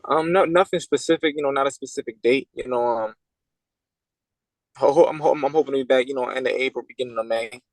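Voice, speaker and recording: A young man in his twenties, from Puerto Rico and raised in Pennsylvania, talks over a video call as a boxer guest. His speech is halting and stop-start, full of fillers and repeats. The sound is dry, with no room echo. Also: medium pitch. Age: 20s.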